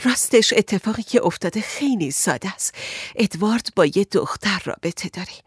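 A woman's voice: medium pitch, lively intonation, husky, no room sound, clean studio sound. A woman voicing an anxious married woman who pleads and frets about her husband in an audiobook. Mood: distressed. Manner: agitated, pleading.

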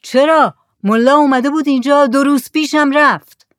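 A woman's voice: mid-range voice, animated, dry recording, lightly acted. Zakaria, a plain-spoken village man, voiced by a woman reading the tale aloud, talks back to strangers in short, blunt lines. The sound is dry and close. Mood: shouting. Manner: shouting back toward the sea. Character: village man Zakaria, brother of the absent mulla.

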